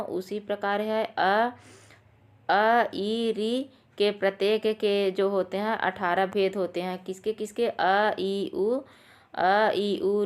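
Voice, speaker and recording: Calling her viewers friends, a woman with a clean, medium-pitched voice teaches toward a Sanskrit exam. She takes her time with explanations and repeats the main points.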